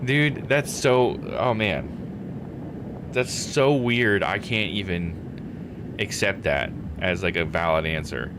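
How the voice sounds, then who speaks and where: While playing a game, a male streamer narrates casually and thinks aloud in disbelief, speaking slowly and expressively in a low-pitched voice. The background is noisy, with game music under his speech.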